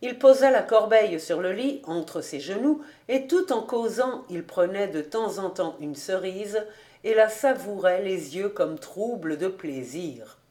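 A woman reading a classic novel aloud as an audiobook, in calm, deliberate storybook narration. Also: mid-range voice. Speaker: audiobook reader.

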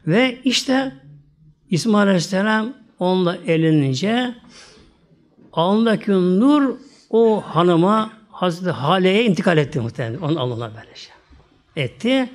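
Guy preacher, kinda high voice, telling a holy story, trails off soft after each bit, does the characters' lines himself. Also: lively intonation, moderate pace. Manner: addresses listeners as "muhteremler", tags phrases with trailing "böyle"; acts out characters' quoted lines in his own voice. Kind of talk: religious storytelling talk.

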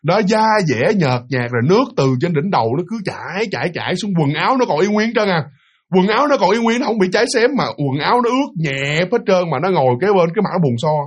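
A Southern Vietnamese man narrates a ghost story, animated and emphatic, throwing questions at his listeners. His voice sits a little high and swings widely in pitch. The tone is husky. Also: fast talker.

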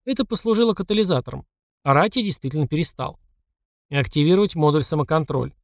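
A man narrates an audiobook in first person with a slightly raised voice. He reads the system readouts in a clipped, flat report tone. The recording is dry and close, with no room sound. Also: on the high side, fast talker, no room sound.

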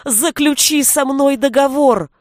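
A woman's voice: medium pitch, lively intonation, a little slow, dry recording, studio quality. Woman voicing Milosh, a stubborn sorcerer. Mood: desperate. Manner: coaxing, then shouting in despair. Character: male sorcerer, stubborn and desperate bargainer.

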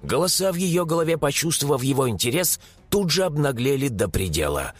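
Husky man narrating with lively pitch. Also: a little fast, dry recording. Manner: animated, dramatic reading. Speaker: audiobook narrator. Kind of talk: expressive audiobook narration.

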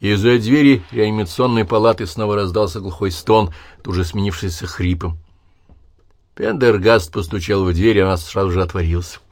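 Deep-voiced man narrating an audiobook. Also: moderate pace, darkish tone, no room sound. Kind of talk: scripted narration.

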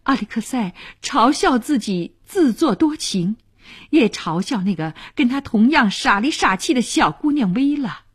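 Slow, breathy woman storyteller. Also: on the high side. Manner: expressive, dramatic storytelling. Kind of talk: radio story narration.

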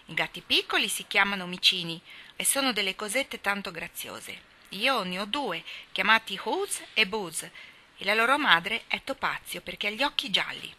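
A modest, gentle little schoolgirl , as a woman reading aloud puts her on, reads her essay in a soft, sweet storybook voice. The tone is very bright and clear. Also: mid-range voice, animated, normal speed.

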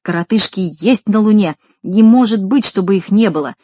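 A woman voicing a clever, proud little male scientist from a storybook, who talks in loud, self-reproaching exclamations. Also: on the low side, normal speed, breathy edge, dry recording. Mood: shouting, insistent. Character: small male shorty scientist, clever, proud, easily vexed.

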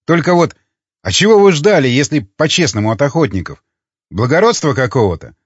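A man's voice: a little high, very animated, brisk, slightly rough, no echo, dull audio. A man doing a sneering, cynical ex-jailer. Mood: mocking.

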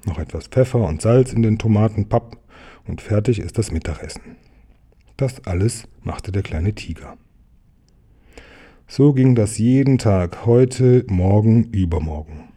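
Dark, husky male storybook reader. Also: fairly low pitch, expressive, a little slow. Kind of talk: children's story read aloud.

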